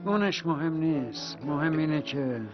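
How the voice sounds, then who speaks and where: An actor playing a kind older man, gentle and fatherly, in a dubbed TV drama. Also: on the high side, animated, close to an everyday voice. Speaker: elderly uncle figure, master baker. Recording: dull lo-fi TV audio with music.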